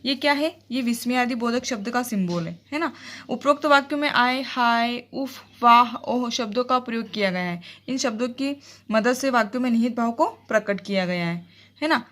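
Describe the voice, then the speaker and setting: A woman teaching a Hindi grammar lesson, explaining step by step, checking in with her students, and reading out example sentences slowly and expressively. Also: a little high, expressive, a bit bright.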